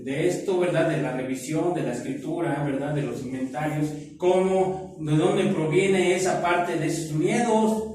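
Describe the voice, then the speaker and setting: A middle-aged Mexican man sharing his testimony at a support group meeting, speaking roughly and with profanity, punctuating nearly every phrase with "¿no?" and "¿verdad?". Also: sits high, a little mellow. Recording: echoey room, far from the mic.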